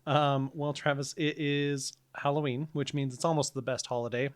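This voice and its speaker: A man's voice: on the high side, flat delivery, normal speed, smooth, no room sound. Joking male podcast co-host, dry sound. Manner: joking, conversational. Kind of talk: casual comic chat.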